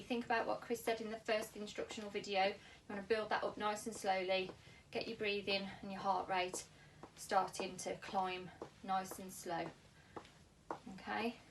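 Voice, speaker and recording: Female fitness instructor, British, careful and unhurried delivery, mid-pitched voice, noticeable background noise. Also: recorded from a distance. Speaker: exercise class instructor. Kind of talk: spoken exercise instruction to camera. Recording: clearly noisy room ambience.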